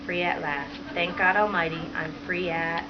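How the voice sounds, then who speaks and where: In a dull, lo-fi home recording with obvious background noise, a woman reads aloud to children in a teacherly way. Her voice is lowish and steady at normal speed, and she asks questions, then encouragingly repeats what the children answer.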